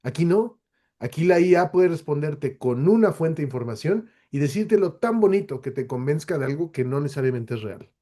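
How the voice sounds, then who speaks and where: Mellow-voiced man explaining on a webinar. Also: a little high, animated, brisk. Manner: explanatory, with frequent rhetorical questions and fillers. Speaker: webinar guest speaker. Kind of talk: answering audience questions in a webinar.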